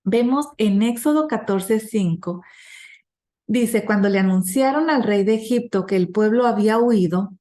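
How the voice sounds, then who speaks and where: Woman, Bible study teacher, slow deliberate delivery, middle pitch, patient explaining, small restarts. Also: darkish tone.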